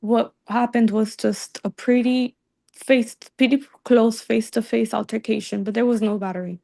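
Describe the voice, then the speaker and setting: A woman's voice: a little high, fairly even intonation, normal speed, creaky, warm tone. A woman testifying to a judge over a video call, speaking hesitantly and restarting her sentences. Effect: heard over a video call. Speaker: witness in a court hearing.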